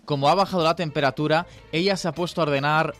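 A man's voice: fairly high pitch, fairly even intonation, fast, fairly bright tone, soft background music. A man in his forties co-hosting a radio show, chatting and reading out listener messages. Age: 40s. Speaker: radio co-host.

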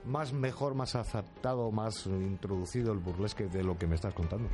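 A man's voice: on the low side, moderate pace, music in the background. A man with a Spain accent hosting a casual live chat, playful and often repeating words as he stumbles along. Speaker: show host.

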